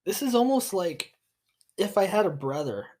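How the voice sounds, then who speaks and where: A young man co-hosts a relaxed chat show, his voice sitting a little high and wearing thin because he is losing it. He talks in an upbeat, chatty way and laughs often. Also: normal speed. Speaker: podcast co-host. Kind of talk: casual chat.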